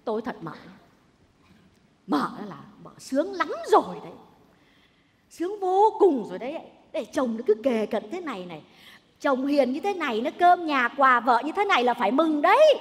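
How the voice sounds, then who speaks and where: Domineering old mother-in-law, very high and bright, stage reverb; loud and theatrical. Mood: lecturing. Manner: shrill, theatrical scolding and wailing. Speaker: stage comedy actress. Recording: stage recording with long hall reverb.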